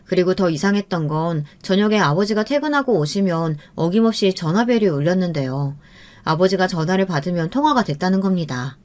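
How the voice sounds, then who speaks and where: A woman in her fifties giving steady, plain scripted story narration in the first person. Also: on the low side.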